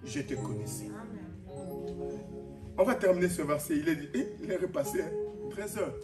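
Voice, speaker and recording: Congolese pastor, high voice, animated sermon with shouts, echoey hall. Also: male voice, fast talker, far from the mic. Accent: Congolese French. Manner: animated, shouting out, laughing asides. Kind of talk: preaching sermon. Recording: echoey hall, off-mic, music behind.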